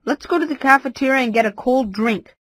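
A woman voicing a friendly schoolgirl in a scripted textbook listening dialogue, reading clearly and carefully. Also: high-pitched, normal speed, a bit bright, no room sound.

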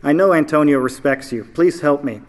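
A man's voice: a little high, normal speed, close to an everyday voice. A man reading aloud, voicing an earnest young male adventurer who pleads and protests. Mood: pleading.

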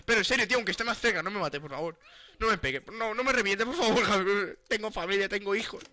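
Hombre español de voz aguda y brillante. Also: male voice, high-pitched, fast talker, dry recording. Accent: Spain Spanish. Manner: excitable, pleading, joking. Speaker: gaming streamer. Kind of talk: live gameplay chat.

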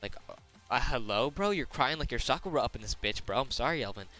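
A man's voice: mid-range voice, animated, quick pace, bright, forceful tone, faint music behind. A teenage man telling a storytime vlog, crude and slangy, swearing constantly and boasting. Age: teens. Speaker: gaming YouTuber.

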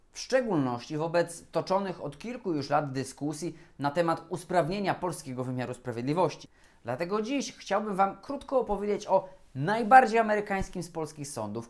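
A man, a lawyer, giving a scripted educational talk on procurement law in a formal, measured and deliberate way. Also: sits high.

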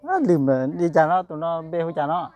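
A man's voice: on the high side, big pitch swings, racing, a little mellow. A man with a Lao accent in casual chat, often giving short, polite acknowledgements. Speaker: relative receiving gifts for a child.

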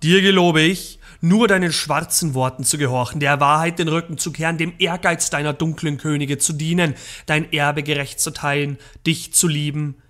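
A man's voice: fairly high pitch, fairly even intonation, moderate pace, few pauses, a bit bright, lightly acted. A man voicing a boastful mighty male wizard hero, declaiming in an old-fashioned way, read from a book in a game. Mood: proud.

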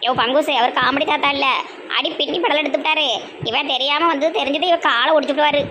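A woman's voice: high-pitched, steady tone, a little fast, background noise. A woman with a Tirunelveli Tamil accent acting in a comedy sketch, talking in a brash, scolding way.

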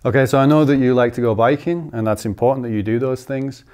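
This man's voice is mid-range, clear and resonant, and he talks fast. He's a strength coach in his thirties teaching training methods in an indoor gym, steadily and methodically running through figures.

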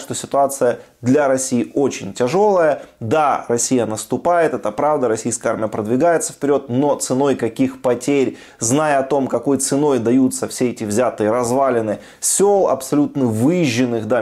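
A man's voice: medium pitch, a little mellow. A man in his thirties giving opinionated news commentary as a host, emphatic and repeating his points. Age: 30s.

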